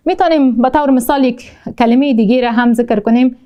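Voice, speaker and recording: A woman with an Afghan Dari accent teaching a recorded language lesson, slowly repeating each word twice and explaining with frequent hesitations. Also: on the high side, highs cut off. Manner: slow, deliberate pronunciation drills, repeating each word twice. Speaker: Arabic teacher.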